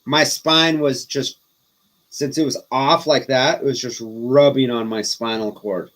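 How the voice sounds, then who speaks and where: A man in his forties chatting casually as a guest, an animated storyteller who pokes fun at himself. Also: medium pitch, a little slow. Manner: animated storyteller, self-deprecating. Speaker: podcast guest, disc golfer. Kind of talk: casual chat.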